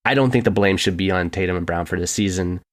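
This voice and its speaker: A man co-hosting a casual sports podcast, joking and stumbling over his words as he talks. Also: deep voice. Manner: fast, joking, stammers and repeats himself. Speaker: podcast co-host.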